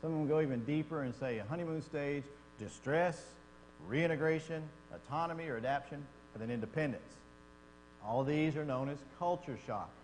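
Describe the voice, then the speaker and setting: This voice is on the high side, brisk and a little mellow, with a Texan accent. He teaches a church Bible class in a folksy, conversational manner, asking the class questions, recorded in an echoey hall with mains hum.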